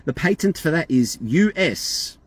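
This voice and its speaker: A man's voice: a little high, expressive, measured pace, husky. An Australian man calling a hotline, talking in an insistent, emphatic and repetitive way. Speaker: caller. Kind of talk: phone call complaint.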